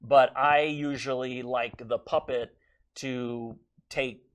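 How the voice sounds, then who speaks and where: An American man with an average-pitched voice answers interview questions. He is a working puppeteer and speaks in an informal, jokey way. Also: steady tone, slow pace.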